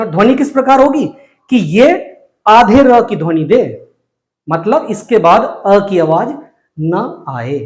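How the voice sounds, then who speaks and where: High-voiced Hindi teacher drilling syllables. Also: male voice, echoey room. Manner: slow, repetitive drilling of syllables. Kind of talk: whiteboard reading lesson.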